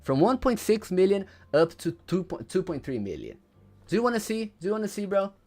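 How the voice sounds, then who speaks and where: A man's voice: high-pitched, big pitch swings, a little fast, a little mellow, faint music behind. A man livestreaming casually. He says "bro" and "you know" all the time, repeats his lines, and reads chat messages aloud before answering them. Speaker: livestreamer ranking game items.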